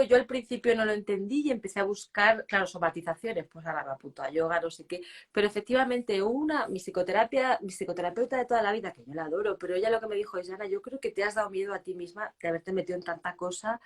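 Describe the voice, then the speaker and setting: A woman's voice: medium pitch, fast. A woman in her forties hosting an interview, speaking candidly and reflectively about her own life. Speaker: host. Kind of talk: casual interview talk. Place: live online stream.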